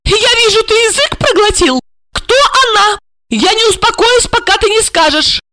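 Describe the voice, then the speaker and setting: A woman's voice: very high-pitched, animated, moderate pace, bright, forceful tone, slight background noise, pitched above the performer's own voice, full character voice. A woman voicing a hysterical young wife who screams accusations at her husband in an audiobook. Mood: hysterical fury.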